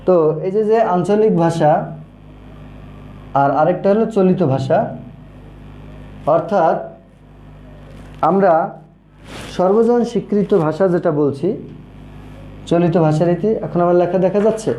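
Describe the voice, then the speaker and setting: Brief: male teacher, slightly high voice, mellow tone, repeats key terms, echoey room. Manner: slow and repetitive, says key terms twice. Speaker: grammar teacher. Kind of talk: online grammar lesson, writing on a board. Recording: echoey room with faint noise.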